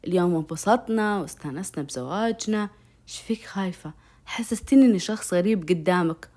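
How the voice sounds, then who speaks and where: A woman's voice: fairly low pitch, quick pace, warm tone, lightly acted. A woman voicing an insistent, agitated young man within her spoken story. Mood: coaxing.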